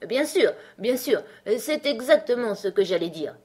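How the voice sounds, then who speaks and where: Sleepy storybook Dormouse, mumbling half asleep, voiced by a woman; high. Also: big pitch swings, moderate pace, a little mellow, breathy edge. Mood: drowsy.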